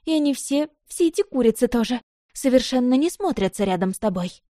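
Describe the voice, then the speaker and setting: Female reader doing a high, shrill jealous girl, desperate and spiteful, mellow dry voice, storybook. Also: animated, brisk, no echo, natural voice. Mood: heated, pleading. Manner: shrill, pleading then furious.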